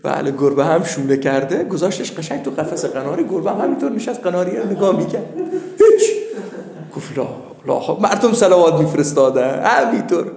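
Brief: male cleric with a raised, lively voice, telling funny stories in a roomy hall. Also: on the high side, gravelly. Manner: lively, animated storytelling. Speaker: cleric and seminary teacher. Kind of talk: humorous anecdote in a talk. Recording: echoey room.

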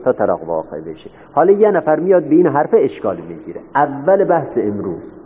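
Very animated and medium-pitched, a seminary instructor lectures his class, going over each point twice and posing rhetorical questions. It was recorded in an echoing hall, with muffled, low-fidelity audio and a little noise.

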